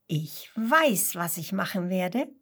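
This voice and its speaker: A woman's voice: lowish voice, sing-song, slow, a bit bright, husky, pitched below the performer's own voice, exaggerated voice. A woman voicing a cheerful, clumsy kangaroo in a children's story, speaking in a playful, sing-song way. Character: cheerful, clumsy female kangaroo, noisy but kind.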